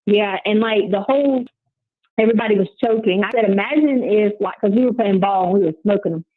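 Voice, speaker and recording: A woman's voice: mid-range voice, brisk, dry recording. A woman from Carolina calling from jail and chatting casually over a prison phone line, telling stories full of quoted back-and-forth.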